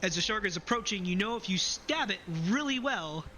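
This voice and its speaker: A man narrating as game master of a tabletop game, calm and descriptive. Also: high voice, a little fast, slight background noise, poor audio.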